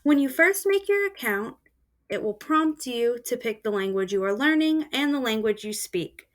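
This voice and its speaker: A student presenter with a fairly high voice narrates a screen-recorded software tutorial at normal speed. She goes through each feature step by step in a steady, plain voice-over.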